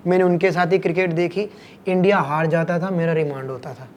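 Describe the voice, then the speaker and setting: High-pitched man telling animated stories. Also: fairly quick, slight background noise. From Kurukshetra, Haryana, India. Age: late 30s. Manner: animated anecdotal storytelling, acting out voices. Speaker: cricket commentator and guest. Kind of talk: podcast interview storytelling.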